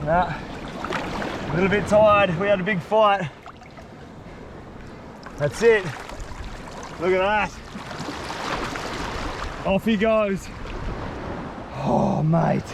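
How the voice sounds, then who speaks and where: A man with an Australian accent, exuberant and slangy, talking casually and excitedly as he films a fishing vlog on a beach. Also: high-pitched, slow pace, pauses often. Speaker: fishing vlogger. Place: outdoors on a beach at night. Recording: noisy outdoor mic, wind and water.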